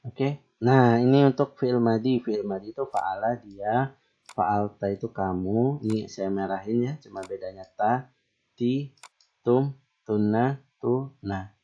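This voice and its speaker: A man talks through a grammar lesson in a low, mellow voice, easygoing and conversational. He often stops to ask rhetorical questions and fill pauses. The sound is a bit dull and lo-fi. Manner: relaxed, chatty, with fillers and rhetorical questions. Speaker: Arabic grammar teacher. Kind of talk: casual online lesson.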